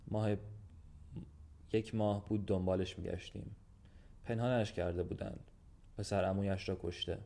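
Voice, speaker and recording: Storybook voice: man reading as a gruff old gendarme, fatherly and blunt, weary, plain-spoken, low and mellow. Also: fairly even intonation, pauses often. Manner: plain, weary, matter-of-fact speech.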